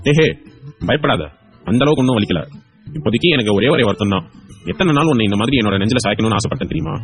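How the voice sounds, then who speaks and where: A man's voice: on the low side, expressive, very fast, soft background music, natural voice. A man voicing a loving young husband in a hospital bed, playful and coaxing. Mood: tender. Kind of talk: audio drama acting.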